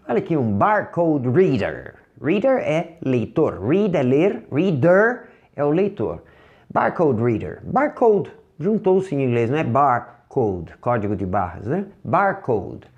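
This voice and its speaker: A man with a Brazilian Portuguese accent teaching English vocabulary in a recorded lesson, patiently drilling each word and slowing down to model how it sounds. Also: medium pitch, gravelly, darkish tone, dull audio. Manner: patient, drills words, slows down to model pronunciation.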